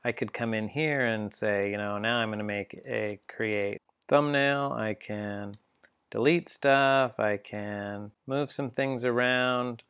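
A man giving a relaxed, step-by-step screen-recorded software tutorial as a teacher. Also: lowish voice, takes it slowly.

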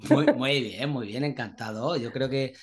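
A man, hosting a relaxed, jokey interview over a video call. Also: mid-range voice, measured pace, a little hiss or hum. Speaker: host. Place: small home office. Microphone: earphones with mic on video call.

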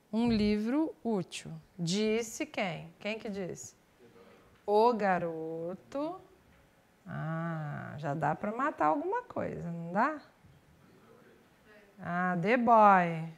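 A woman teaching English in a live online exam-prep class, explaining in a chatty way with lively asides. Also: medium pitch. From Brazil.

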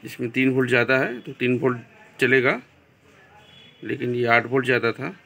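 A man with a Bihari Hindi accent calmly explaining a TV repair step by step in a small workshop, filmed on a phone. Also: mid-range voice, normal speed, gravelly. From India. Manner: plain, step-by-step explaining, addresses viewers as friends. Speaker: TV repair technician. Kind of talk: repair tutorial narration.

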